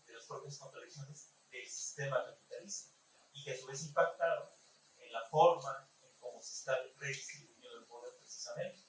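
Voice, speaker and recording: A man with a Mexican accent giving a formal, measured comment from the audience at a conference. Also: mid-range voice. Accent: Mexican Spanish. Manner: formal, measured academic reasoning. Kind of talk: conference question-and-answer comment. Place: conference hall. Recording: very echoey hall, voice far from the mic, faint room noise.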